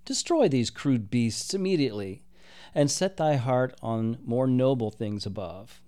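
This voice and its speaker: A man's voice: mid-range voice, animated, a little slow, mellow, lightly acted. A man voicing a proud, disdainful archangel captain who speaks in a haughty, formal, archaic way.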